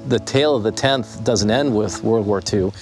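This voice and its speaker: A man with a fairly low voice explains past events in an interview. He speaks plainly and hesitates now and then. Faint music plays beneath. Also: normal speed, darkish tone. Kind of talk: interview commentary.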